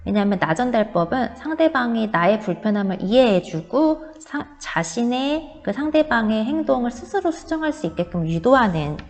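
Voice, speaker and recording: A woman's voice: fairly high pitch, very animated, moderate pace, few pauses, darkish tone, in a large hall. A woman teacher giving a recorded online class, explaining step by step and acting out example lines.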